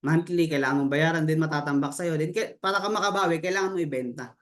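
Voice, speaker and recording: A man's voice: fairly high pitch, a bit bright. A man giving a casual sales presentation, mixing English terms into his talk and tacking questions onto his sentences. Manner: peppers talk with tag questions, mixes English terms into Tagalog; loose, halting delivery with restarts and fillers. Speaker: business opportunity presenter.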